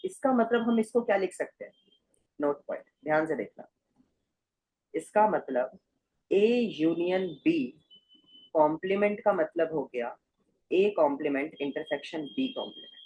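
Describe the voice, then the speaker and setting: Hindi math teacher walking through set examples. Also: male voice, fairly high pitch, a little mellow, poor audio. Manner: repeats check-in questions to students. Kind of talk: explaining a lesson. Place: recorded at a screen with slides.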